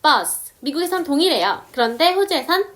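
A woman explaining English words step by step, saying example sentences slowly. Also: high-pitched, sing-song, a bit bright. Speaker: English teacher. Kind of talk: casual video lesson.

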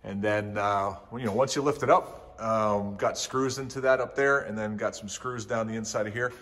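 A middle-aged DIY barn builder gives a casual, folksy walkthrough of his project inside a large metal barn, rambling with plenty of fillers. His lowish, fairly bright voice holds a steady tone at normal speed, captured on a handheld phone camera.

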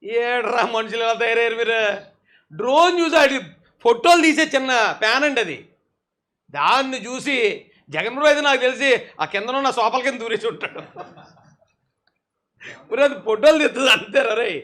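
Sarcastic high-voiced male commentator. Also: animated, normal speed, pushed and bright. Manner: sarcastic, scolding, often laughing. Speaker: political commentator. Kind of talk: mocking video commentary.

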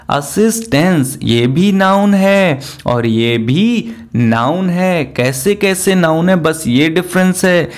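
A young man with an Indian accent, teaching English words in an exam-prep video lesson. He repeats words over and over, asks the class questions and adds jokey asides. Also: a little high.

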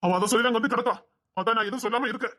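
A woman's voice: fairly high pitch, bright, forceful tone. A woman acting an obsessive young man who begs and threatens his beloved, in a web drama. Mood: pleading. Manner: pleading and possessive, fast.

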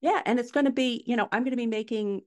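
With a slightly high voice and a quick pace, a middle-aged woman guests on a podcast as an indie fiction author. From a small furnished room at home, she talks over a video call, explaining things in a conversational way and highlighting her key points.

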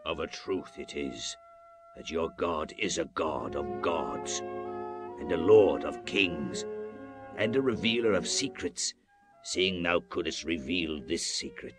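Deep, stately ancient king. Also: lively intonation, music in the background. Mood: awed, solemn. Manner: stately, slow, declamatory. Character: proud, menacing Babylonian king. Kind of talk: dramatized scripture acting.

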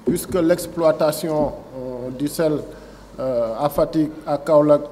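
A Senegalese man, an agency director, gives a formal speech at a signing ceremony in an indoor conference room, picked up by a table microphone with slight background noise. His voice is fairly high, slow and mellow, with a Senegalese French accent. He reads a prepared text, then wanders off it with many fillers and restarts.

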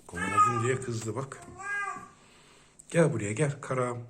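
A man's voice: medium pitch, unhurried, very noisy. A man talking to his pet cats at home, coaxing and soothing them with many repeated calls. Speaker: pet owner. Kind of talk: casual talk to pet cats.

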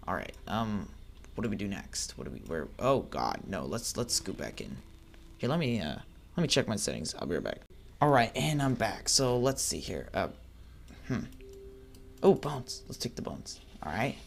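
A man giving excitable let's play commentary, chattering at the creatures on screen as he plays. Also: on the low side, normal speed, creaky, slight background noise. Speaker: gaming channel host.

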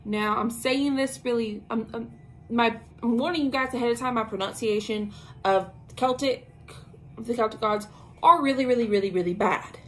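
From a small bedroom hung with tapestries, a young woman who hosts a witchcraft talk channel gives a casual spoken lesson to a camera at arm's length, full of ums and slangy asides. Her voice is fairly high and a bit bright, at a moderate pace. The rough recording has slight background noise.

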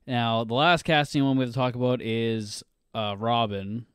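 A man's voice: mid-range voice, steady tone, normal speed, fairly bright tone, clean tone, dry recording, clean studio sound. A man hosting a podcast in casual chat, rambling through lists of names with many fillers. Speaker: podcast host.

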